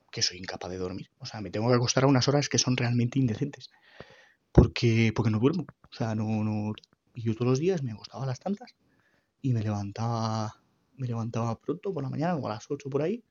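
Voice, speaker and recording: A man giving an earnest, halting personal faith testimony about caring for his dying mother. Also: medium pitch, a little mellow, lo-fi sound. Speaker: grieving son giving testimony.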